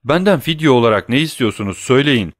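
A man's voice: mid-range voice, lively intonation, quick pace, no room sound, studio quality, pitched above the performer's own voice, lightly acted. A man voicing a desperate, greedy captive banker in an audiobook, pleading and agitated.

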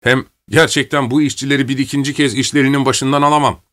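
A man's voice: medium pitch, fairly even intonation, quick pace, a bit bright, pitched above the performer's own voice, close to an everyday voice. A stubborn, boastful overseer talks in brusque, insistent bursts, voiced by a male narrator close to his own voice. Each line is pushed hard, with little patience. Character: boastful stubborn German overseer, adult man.

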